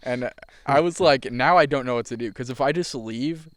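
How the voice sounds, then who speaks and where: A man's voice: medium pitch, normal speed. Young man telling a rambling story. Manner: rambling storyteller, laughs through his own story. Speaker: podcast co-host. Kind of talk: casual chat.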